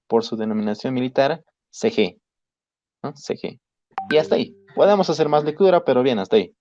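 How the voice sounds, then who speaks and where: A chemistry teacher from Bolivia gives an online lecture, explaining things step by step and often checking in with his students. His mid-range voice sounds warm, with no room sound. The call audio is dry, dull, and lo-fi.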